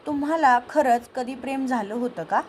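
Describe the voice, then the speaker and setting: A woman voicing a shy, emotional young woman in love, speaking softly and hesitantly. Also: high-pitched, normal speed, a little hiss or hum, lightly acted. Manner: soft, hesitant, quiet.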